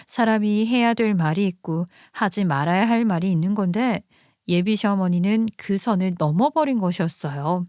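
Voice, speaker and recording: A woman's voice: mid-range voice, a little mellow, dry recording, studio quality. A woman telling a first-person story on story radio, speaking straight to listeners in an indignant storytelling tone. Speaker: storyteller narrator.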